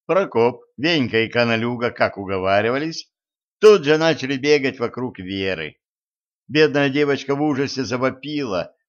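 A man narrating a fantasy story in a steady storytelling manner. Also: medium pitch. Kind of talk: audiobook narration. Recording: dull lo-fi recording.

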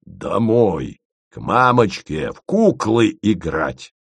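A gruff, irritable official who barks orders and grumbles, as a narrator puts him on. His voice is very deep, and the sound is dry and close. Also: normal speed, no room sound. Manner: barking, grumbling. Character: gruff irritable middle-aged male official. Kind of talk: audiobook reading.

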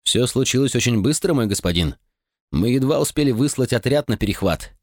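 A man's voice: medium pitch, expressive, no echo, clean studio sound, voice pushed up. A man doing an anxious young messenger. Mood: hesitant. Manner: hurried, deferential reporting.

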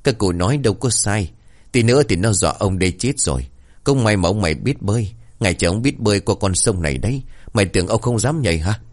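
A coarse old villager with a rough, cursing way of talking, played by a man narrating a spoken horror story. His low voice jumps around loosely as he brags. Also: animated, fast talker, dry recording. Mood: boastful.

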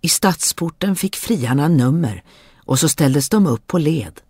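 A storyteller reading a fairy tale aloud in a lively, expressive way. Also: mid-range voice, slightly rough, no echo, clean studio sound.

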